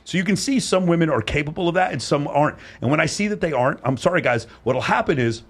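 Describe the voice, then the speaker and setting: Fast, blunt man talking in a studio. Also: a little high. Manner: blunt, emphatic, swears freely. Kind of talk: casual panel discussion. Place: podcast studio. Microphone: studio microphone.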